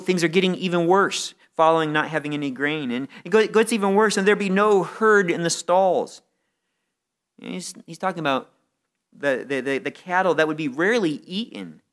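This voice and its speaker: A man preaching in an earnest, steady way, with a voice that sits a little high for a man. He tends to repeat a word or two before pressing on, and he leans into key phrases. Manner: earnest, repeats words when stuck, rises in intensity on key phrases. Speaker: pastor. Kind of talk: sermon.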